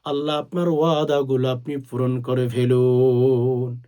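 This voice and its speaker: A man preaching a sermon, talking straight to his listeners as friends, swelling to loud, drawn-out stresses and chanting short Arabic phrases slowly. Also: medium pitch, level tone. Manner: swells to loud, drawn-out emphasis on key words; addresses listeners directly as friends.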